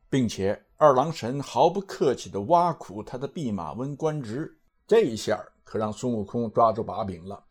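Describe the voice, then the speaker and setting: Husky man with a lively, bouncing delivery. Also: medium pitch. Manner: animated, asks rhetorical questions and answers them. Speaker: storyteller and commentator. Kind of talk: casual explanatory commentary on a classic novel.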